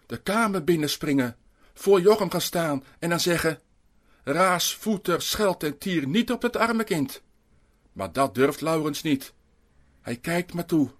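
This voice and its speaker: A man narrating a children's story aloud, reading with suspense and dramatic pauses. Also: a little high.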